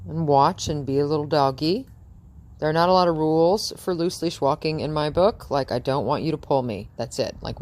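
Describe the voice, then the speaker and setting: A woman's voice: low-pitched, darkish tone. A woman dog trainer chatting through a training session outdoors in front of a house, cooing praise at the dog and laughing often.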